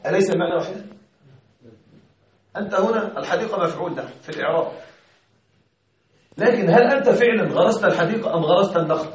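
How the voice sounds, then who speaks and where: Male grammar teacher, fairly high voice, quizzing his class, heard from a distance. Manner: asks students questions, repeats examples slowly. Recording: echoey classroom from far off.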